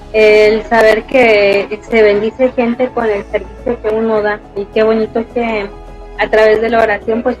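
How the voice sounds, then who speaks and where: A woman with a Mexican accent, a panelist telling a story in a gentle, affirming way. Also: fairly high pitch, low-quality recording. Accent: Mexican Spanish. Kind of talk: conversational storytelling.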